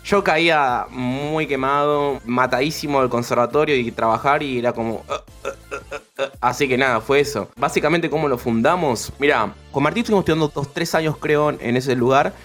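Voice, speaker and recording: A man's voice: mid-range voice, fairly quick, hardly any pauses, a bit bright, faint music behind. A young man with an Argentine Spanish accent, an academy founder chatting casually and joking as he tells the story. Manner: joking, rambling, laughs often. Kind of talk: casual group chat.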